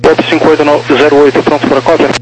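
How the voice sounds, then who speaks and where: A man working as an air traffic tower controller, giving clipped procedural clearances over crackly aviation radio. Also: a little high, little pitch movement, fast, over loud music. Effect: crackly two-way aviation radio.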